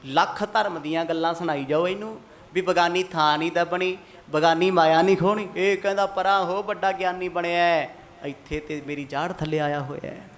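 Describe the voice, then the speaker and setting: High-voiced Sikh preacher giving a katha sermon. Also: male voice, fairly even intonation, moderate pace, a little hiss or hum. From Mohali, Punjab. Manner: asks the congregation rhetorical questions and acts out quoted speech.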